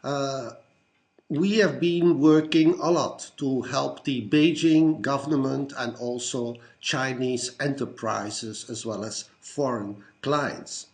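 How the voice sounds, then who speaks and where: Older Belgian man, measured self-introduction. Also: medium pitch. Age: 60s. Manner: measured, lists things one by one with frequent "uh" fillers. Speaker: Rotarian introducing himself. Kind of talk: recorded self-introduction to fellow club members.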